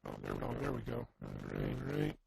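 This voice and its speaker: A man talking haltingly over an online call whose audio is breaking up and cutting out. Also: mid-range voice, wildly swooping pitch, vocal fry, darkish tone, slight background noise. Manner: hesitant, halting. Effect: voice over a choppy online call, cutting out. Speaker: interviewer. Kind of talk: casual chat.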